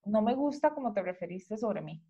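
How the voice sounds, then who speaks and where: A woman's voice: mid-range voice, expressive, normal speed, creaky, warm tone, breathy edge, lo-fi sound. A woman hosting a casual conversation, talking emphatically and reflectively, with many rhetorical questions. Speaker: host. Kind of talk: casual chat.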